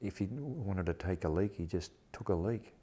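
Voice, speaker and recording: Older aussie bloke, broad australian accent, low voice, telling salty blunt stories in an interview. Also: male voice, animated, normal speed, dark tone, husky. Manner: blunt, salty, colloquial storytelling. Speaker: actor interviewee. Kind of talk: casual reminiscing interview.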